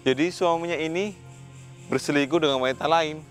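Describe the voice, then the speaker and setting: A man with a slightly high voice hosts a ghost-hunting vlog. He sternly questions an unseen spirit and breaks off to murmur Islamic prayers. Faint music plays underneath. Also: a little fast. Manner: commanding, confronting an unseen spirit. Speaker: paranormal investigator host.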